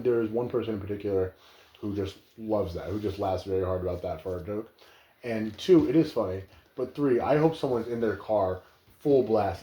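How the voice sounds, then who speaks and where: A man's voice: fairly low pitch, dark tone. A young man from Alabama hosting a casual podcast, joking and teasing his co-host. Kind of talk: casual banter. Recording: echoey room.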